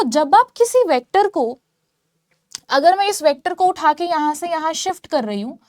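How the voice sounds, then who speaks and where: A woman's voice: high-pitched, dry recording, studio quality. A woman teaching physics in a lecture, explaining step by step and often checking that listeners follow. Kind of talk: whiteboard lecture in mixed Hindi and English.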